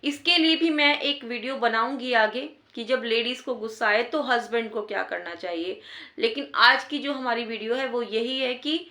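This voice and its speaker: A woman's voice: fairly high pitch, normal speed, sharp tone, echoey room. A woman giving earnest, repetitive advice in a casual talk to wives. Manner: earnest, repeats points for emphasis. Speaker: advice vlogger.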